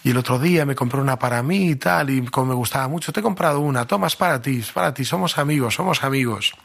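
A man's voice: mid-range voice, quick pace, creaky, a bit bright. A man voicing a wealthy young woman who coaxes a friend into accepting gifts. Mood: coaxing. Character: wealthy young woman, sweetly insistent giver.

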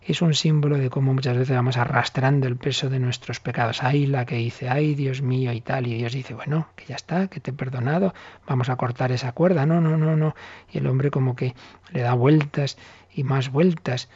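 Husky priest explaining the catechism. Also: male voice, mid-range voice, normal speed. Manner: animated storytelling, acts out little dialogues. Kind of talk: catechism lesson commentary. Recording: dull lo-fi recording.

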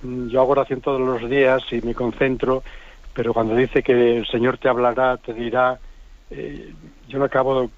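A man from Spain phones in to a radio show and gropes for his words as he asks his question. His voice stays flat, with little rise or fall. The line sounds dull and muffled. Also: mid-range voice, moderate pace, dry recording. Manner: hesitant, searching for words. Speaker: caller.

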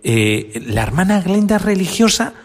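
A male priest hosts an interview and asks probing questions in a husky voice. His pitch rises and falls in a lively way, with some hesitant fillers. The room gives a long reverb. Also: moderate pace.

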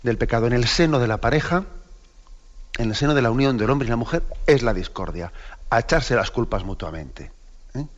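A bishop with a Spain Spanish accent teaches the catechism in a relaxed, conversational way, often turning to his listeners with quick tag questions. His voice sits at an ordinary male pitch. The recording is a little dull and lo-fi. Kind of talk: catechesis talk.

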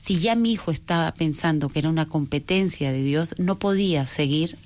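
A woman with a notably low voice tells a personal story of faith as an interview guest. She speaks earnestly and searchingly, circling back and correcting herself as she goes. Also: brisk, a little mellow.

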